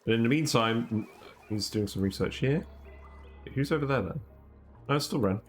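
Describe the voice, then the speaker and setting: A man's voice: medium pitch, moderate pace. A man streaming a game and chatting casually, rambling and thinking aloud with fillers and little laughs. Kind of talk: casual gameplay commentary. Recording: faint background music.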